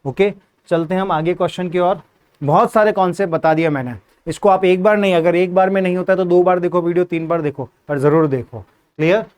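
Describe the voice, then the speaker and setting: A man's voice: sits high, steady tone, a little fast, a little mellow, smooth. A male teacher, giving an exam-prep English grammar lesson, repeating points, quizzing students and spelling words out letter by letter.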